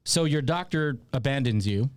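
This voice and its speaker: A man's voice: medium pitch, lively intonation, normal speed, no echo. A man hosting a casual interview, teasing his guest and prompting her with short questions. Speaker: host.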